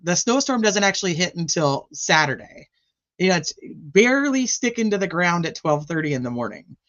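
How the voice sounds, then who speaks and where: A woman's voice: fairly low pitch, very animated, normal speed, a bit bright, dull audio. A woman hosting a true crime channel, casually recapping trial testimony in a rambling, chatty way full of fillers.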